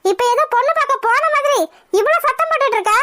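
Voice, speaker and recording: A woman voicing an older, weary matriarch in a cartoon, trying to calm the others with exasperated pleas. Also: extremely high pitch, fast. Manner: soothing, exasperated.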